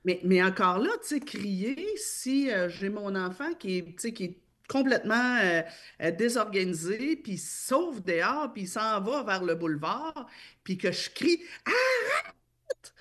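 A woman's voice: mid-range voice, animated, normal speed, a bit bright. Emphatic Québécois woman explaining. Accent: Québécois French. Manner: explanatory, emphatic, many fillers and repeats. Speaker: parenting speaker. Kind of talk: casual discussion.

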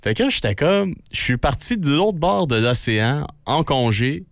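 Radio news reporter: young man, Québécois accent, deep bass voice, casual delivery, dry close sound. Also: very animated, normal speed, no room sound.

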